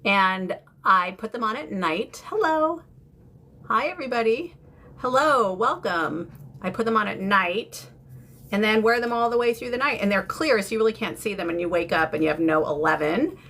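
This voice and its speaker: An expressive woman in her fifties hosts a beauty livestream, chatting casually and informally with viewers in an American accent. Originally from the UK, she lives in San Francisco; her mid-range voice is bright and forceful at normal speed. The recording is clear with background noise and room ambience.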